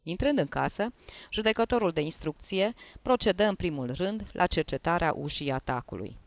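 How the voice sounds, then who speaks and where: Un bărbat care citește cu voce tare o povestire, în ritm măsurat, coborând glasul la finalul frazelor. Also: male voice, high-pitched, lively intonation, vocal fry, no room sound. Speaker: narrator. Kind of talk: reading a story aloud.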